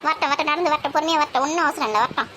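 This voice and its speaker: A woman, grumbling and gossiping loudly in a comic village sketch. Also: high-pitched, racing, slight background noise. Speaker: comedy sketch performer.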